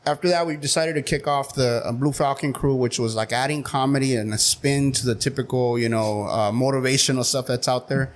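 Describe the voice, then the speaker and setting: A man in his forties chatting as an interview guest. He talks frankly and openly, loose and unpolished, with a lot of fillers and restarts, at an ordinary pitch. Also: fairly even intonation, a little fast, hardly any pauses, a little hiss or hum. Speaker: podcast guest, city council member. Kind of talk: casual interview chat.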